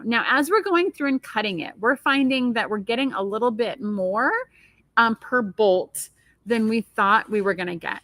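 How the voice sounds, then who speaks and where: A woman's voice: fairly high pitch, pushed and bright, dry recording. A woman co-hosting a casual live stream, chatting and answering viewer questions. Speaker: co-host of a quilt shop live show.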